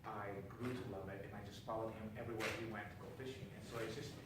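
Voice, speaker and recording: An upbeat, earnest middle-aged man from Chile answers interview questions, often restarting his phrases. He is picked up by a distant mic in a very echoey studio with an audience. Noise hangs clearly behind him. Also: on the low side, fairly even intonation, rapid-fire. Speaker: guest author.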